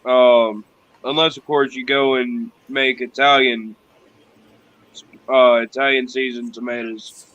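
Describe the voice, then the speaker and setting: A man's voice: medium pitch, level tone, slow, fairly bright tone, muffled recording. A man on his phone in a casual online group chat, explaining things plainly and unhurriedly. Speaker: chat participant.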